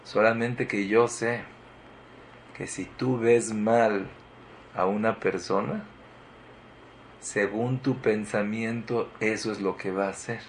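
A man giving a sermon, telling a story and shifting between emphatic lines and quiet ones. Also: lowish voice, steady tone, slow, pauses often, a little hiss or hum.

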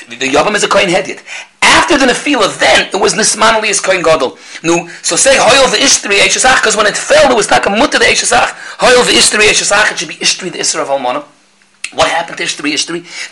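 A man giving a Talmud lecture, explaining step by step in an animated way and answering his own rhetorical questions. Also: high-pitched, rough recording. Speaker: Talmud teacher.

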